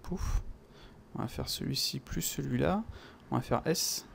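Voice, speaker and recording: A man with a French accent talking through a software tutorial in a casual, chatty way, full of fillers and little sound words. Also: medium pitch, a little slow, vocal fry, a little hiss or hum. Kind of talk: casual screen-recorded tutorial.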